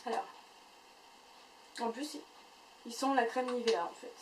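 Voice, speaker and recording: A woman's voice: on the high side, a little slow, roomy sound. A woman chatting casually as she unboxes and reviews beauty boxes, full of fillers and restarts. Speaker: beauty vlogger. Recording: voice a bit far from the mic, faint noise.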